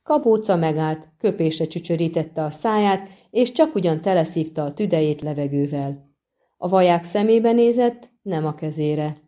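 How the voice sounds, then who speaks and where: An audiobook narrator reads scripted narration from a fantasy novel, steady and measured, her delivery staying even throughout the prose. Her voice is low, dark, and mellow.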